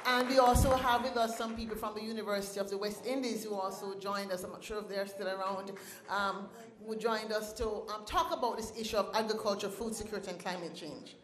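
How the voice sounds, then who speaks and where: A woman's voice: mid-range voice, steady tone, a little fast, some chatter behind. A woman, the founder and president of an organization, speaking to an awards audience with a rhythmic, sing-song delivery. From Caribbean. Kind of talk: ceremony speech with poetry recital. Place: banquet hall at an awards ceremony. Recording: echoey banquet hall.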